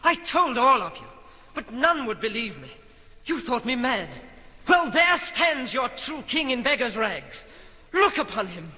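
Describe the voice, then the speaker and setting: An earnest impostor boy king in a period drama. His very high, piercingly bright voice pleads with passion in formal old diction, ringing through a large hall. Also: sing-song, measured pace, full character voice. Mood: impassioned. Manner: impassioned, archaic formal diction. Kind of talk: theatrical period drama acting. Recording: reverberant hall with faint noise.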